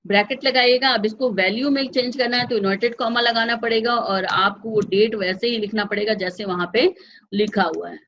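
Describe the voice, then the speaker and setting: Female teacher, slightly high voice, patient and repetitive, muffled low-fidelity recording. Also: steady tone, fairly quick, fairly bright tone. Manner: patient, repeats each step, asks the class if they follow. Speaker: computer class teacher. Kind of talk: step-by-step software lesson.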